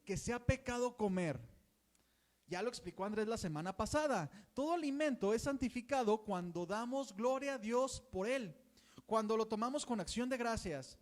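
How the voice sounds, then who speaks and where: A man with a Mexican Spanish accent preaching a conversational sermon and acting out the voices of gossiping churchgoers. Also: extremely high pitch.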